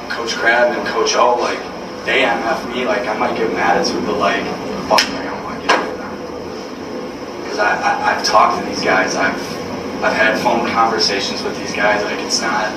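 A young man speaking candidly to his team in a halting, earnest, blunt way with swearing, caught on a secret recording. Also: fairly low pitch. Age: young adult. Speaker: college basketball player. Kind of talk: candid speech at a team meeting. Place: indoor room, captured from far off. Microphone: hidden recorder, far from the speaker. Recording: secret recording, distant, echoey, noisy, muffled room sound.

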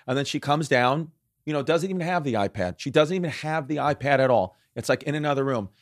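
A man's voice: fairly high pitch, quick pace, dry recording, studio quality. A man in his thirties hosting a podcast, telling stories in a loose, rambling way with frequent repeats and laughter. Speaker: podcast host. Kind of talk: casual comedic chat.

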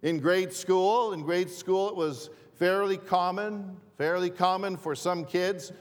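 Male pastor, sermon delivery, slow pace, slightly high voice, long hall reverb. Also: steady tone. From northern Greece. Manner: repeats and restarts phrases, slow and deliberate.

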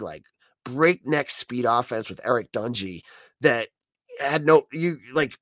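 An American man hosts a solo sports podcast in a close, dry recording. His voice is hoarse and froggy, as if under the weather, and it moves through lively rises and drops. He talks conversationally and emphatically, restarting sentences as he works through his opinions. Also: medium pitch, dry recording. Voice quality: hoarse, croaky frog voice. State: sick, hoarse voice.

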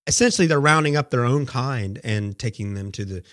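Animated man reviewing films on radio. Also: mid-range voice, fairly quick, no echo, clean studio sound. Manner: animated, acts out scenes. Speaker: radio film review host. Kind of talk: casual radio chat. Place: radio studio.

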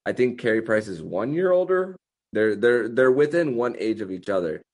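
A man hosting a sports podcast in casual discussion, haltingly repeating words as he thinks. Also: mid-range voice, very animated, a little mellow.

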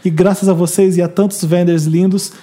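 Brief: man, podcast co-host, high voice, playful and giggly, reads listener mail. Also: level tone, fairly quick, dark tone. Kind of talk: casual podcast chat, reading listener emails.

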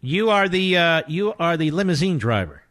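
A man hosting a talk radio show, speaking forcefully and asking indignant rhetorical questions. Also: on the high side, sing-song, normal speed, dry recording, clean studio sound. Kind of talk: talk radio monologue and call-in.

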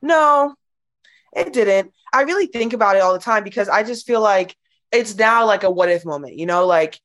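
A woman's voice: mid-range voice, animated, moderate pace. A young woman in a casual interview about her basketball career, chatty and giggly, saying "like" often. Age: young adult. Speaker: college basketball player.

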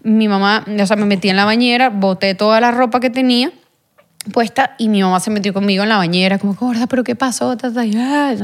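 A young adult woman, a podcast guest who tells a personal story in an earnest, halting way, full of fillers and restarts. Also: medium pitch. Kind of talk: personal testimony in a podcast interview.

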